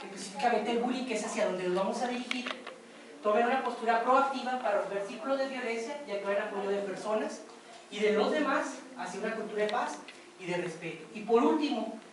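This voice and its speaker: A woman gives a classroom lecture and tells stories in a chatty way, often checking that her listeners follow. Her voice sits a little high. She sounds far from the mic in a very echoey room, with faint ambience behind her. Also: a little fast. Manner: conversational, asks for confirmation. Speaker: workshop instructor.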